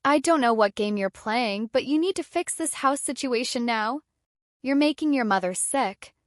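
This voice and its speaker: A man's voice: very high-pitched, lively intonation, moderate pace, dry recording, clean studio sound. A woman voicing a blustering, demanding middle-aged uncle who barks his words in a story reading. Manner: barking, full-volume bluster.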